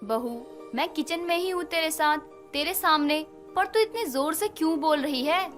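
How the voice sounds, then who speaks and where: A woman voicing a quiet, worried middle-aged mother-in-law who scolds gently. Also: sits high, normal speed. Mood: fretful. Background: background music.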